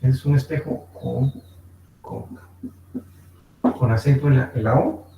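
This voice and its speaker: A man with a Mexican Spanish accent teaches an online physics class, explaining step by step, using frequent fillers, and checking in with his students. His medium-pitched voice is warm, with vocal fry, fairly even intonation, and a moderate pace. The room is echoey, with a distant mic and faint noise.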